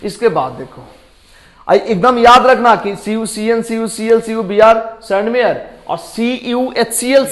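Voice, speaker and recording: A man teaching a chemistry lesson who explains step by step, quizzes his students and thinks aloud as he recalls names. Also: high-pitched. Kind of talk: classroom lecture.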